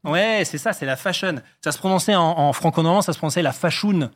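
A man's voice: high-pitched, quick pace. A man explaining things in casual chat, with many fillers and restarts. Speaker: guest linguistics enthusiast.

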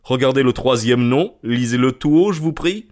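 A man reading an audiobook, voicing an irritable middle-aged goose seller who talks gruffly and boastfully. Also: medium pitch, lively intonation, moderate pace, a little mellow, pitched above the performer's own voice, lightly acted. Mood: mocking.

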